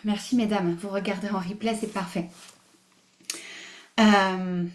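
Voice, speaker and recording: A woman hosting a live online masterclass, animated and emphatic, repeating phrases, mixing in English words and laughing often. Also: medium pitch, measured pace. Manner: mixes English words into her speech. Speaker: masterclass host. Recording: roomy echo.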